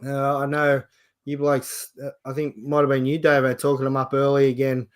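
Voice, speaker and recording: A man's voice: mid-range voice, completely flat delivery, normal speed, clear, resonant tone. A man with an Australian accent hosting a casual sports chat show.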